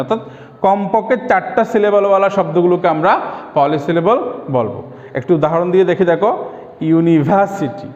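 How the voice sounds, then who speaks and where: A man teaching an online English lesson for primary school pupils, explaining patiently and sounding out example words slowly, syllable by syllable. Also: high-pitched, darkish tone. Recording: echoey room, dull lo-fi sound.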